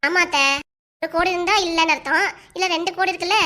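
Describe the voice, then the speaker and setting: A woman's voice: very high-pitched, steady tone, fast, bright, forceful tone, pitched above the performer's own voice. A woman voicing a shy, polite young daughter-in-law in a cartoon, with a southern Tamil accent. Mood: tender. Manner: polite and coaxing.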